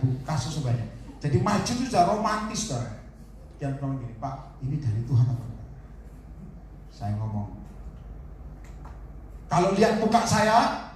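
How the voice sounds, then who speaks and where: A male evangelist preaching a lively sermon, telling stories, quoting people and joking with the congregation. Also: a little high, recorded from a distance. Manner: animated, storytelling, quotes people in little voices, jokes with the congregation. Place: large worship hall. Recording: echoey hall, from afar, faint hiss.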